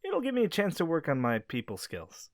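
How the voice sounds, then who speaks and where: Playing the same sort of kind young werewolf, a man addresses the listener in a scripted roleplay, his tone soft, soothing, relaxed, and caring. His voice leans high and talks fairly quickly, with huge, animated pitch swings, captured on a close, entirely dry mic.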